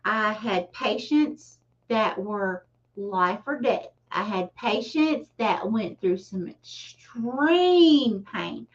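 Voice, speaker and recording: A woman's voice: mid-range voice, animated, drawn-out words. A middle-aged woman giving a casual livestream tarot reading, chatty and often laughing at herself. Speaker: tarot reader. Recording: distant, slightly dull mic.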